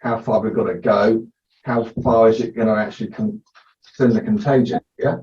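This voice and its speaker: Man thinking out loud on a zoom call, echoey room, kinda muffled sound. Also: on the low side, steady tone, normal speed. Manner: musing, rhetorical questions. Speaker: participant. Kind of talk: casual group chat. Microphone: video call.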